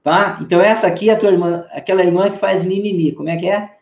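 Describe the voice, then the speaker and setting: A man's voice: high-pitched, fairly even intonation, fast, lo-fi sound, noisy background. A man with a Brazilian Portuguese accent teaching guitar on a live stream, coaxing his student through call-and-response drills with playful nicknames. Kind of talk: live online guitar lesson. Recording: roomy echo with faint guitar.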